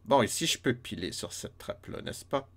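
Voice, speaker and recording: Speaking at medium pitch and normal speed, an animated man with a Québécois French accent chats with viewers while livestreaming a retro game, quietly counting his steps.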